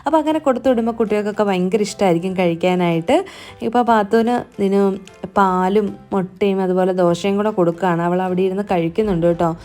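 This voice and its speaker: A woman vlogger, a homemaker, narrates her household day in a chatty, friendly voice-over, often tagging her sentences conversationally. Her medium-pitched voice is fast and a little mellow, with soft music playing in the background.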